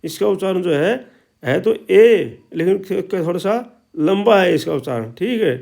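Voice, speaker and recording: A man teaching pronunciation, explaining slowly and repeating each sound many times. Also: high voice, animated, vocal fry, darkish tone. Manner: slow, repetitive explaining with drawn-out sounds. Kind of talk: spoken language lesson.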